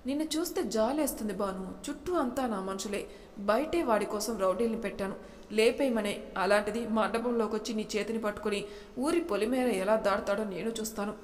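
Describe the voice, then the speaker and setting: A scheming, arrogant groom, voiced by a woman narrator sneers and taunts in a told drama. The voice sits at a middle pitch and carries a long reverb tail behind it. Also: brisk, slight background noise, lightly acted. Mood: taunting. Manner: taunting, mocking.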